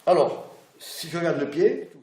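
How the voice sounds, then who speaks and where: In an echoey room with faint background noise, a middle-aged man teaches massage through hands-on demonstration, chatting and checking on his students. He sounds very animated yet unhurried, with a high, dark-toned voice.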